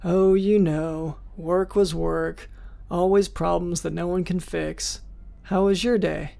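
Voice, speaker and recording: A man voicing a tired, proud working husband in a weary, low-key way. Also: fairly even intonation, slow, vocal fry, dark tone, full character voice.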